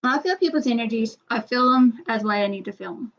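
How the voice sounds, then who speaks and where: A woman's voice: on the high side, quick pace, fairly bright tone. A woman hosting a casual livestream chat, rambling and repeating herself as she reads out viewer comments. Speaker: channel host. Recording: dull lo-fi sound.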